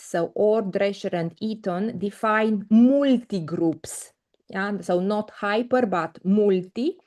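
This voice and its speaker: A middle-aged woman from Romania lectures on mathematics over a video call. She talks hesitantly, pausing on fillers and restarting phrases. The sound is a laptop mic in an indoor room. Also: medium pitch, darkish tone. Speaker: invited conference speaker.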